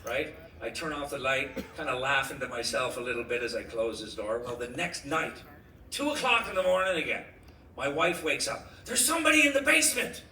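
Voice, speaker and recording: A man's voice: medium pitch, expressive, brisk, sharp tone. A middle-aged man doing a stand-up comedy set, telling stories with punchy delivery and acting out voices. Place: comedy club stage before a live audience. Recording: echoey club recorded from far off, noisy.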